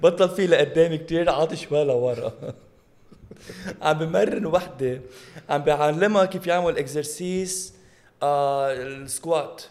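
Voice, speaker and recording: A Lebanese Arabic-accented man with a fairly high, creaky voice. He chats casually and humorously, mocking the people he describes and mixing English into his sentences. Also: moderate pace, a little mellow. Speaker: podcast co-host.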